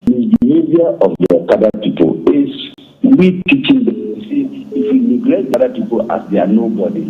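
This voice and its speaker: Brief: male caller, earnest and animated, muffled phone line with faint hiss. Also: medium pitch, moderate pace. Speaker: radio call-in caller. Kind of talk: call-in opinion.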